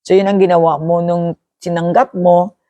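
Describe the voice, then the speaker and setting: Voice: medium pitch, normal speed, no room sound. A preacher with a Filipino accent teaching at a church meeting, switching between Tagalog and English and often putting questions to the congregation. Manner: animated, repeats key phrases, asks the room questions.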